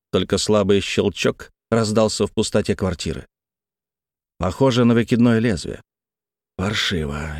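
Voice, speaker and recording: Guy reading a gritty first-person audiobook, lowish voice, bone-dry close mic. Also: a little mellow, no echo. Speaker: audiobook narrator.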